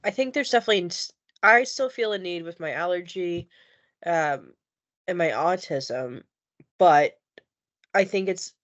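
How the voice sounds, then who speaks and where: A woman's voice: on the low side, unhurried, pauses often, muffled recording. A woman from the United States speaking openly and chattily in a group discussion, laughing easily. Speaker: discussion panelist.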